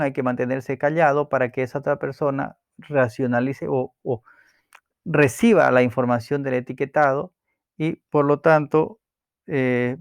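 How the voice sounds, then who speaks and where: A man calmly explaining a self-help book chapter, pausing with fillers and restarting words as he goes. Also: medium pitch, clear, resonant tone, dry recording, clean studio sound. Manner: calm, explanatory, with hesitations and repeated words.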